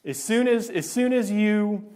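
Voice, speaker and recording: A man's voice: measured pace, a little mellow, smooth. A middle-aged man who is a pastor, preaching a conversational sermon in a church and often checking in with "right?". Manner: acts out inner voices with sudden jumps in pitch.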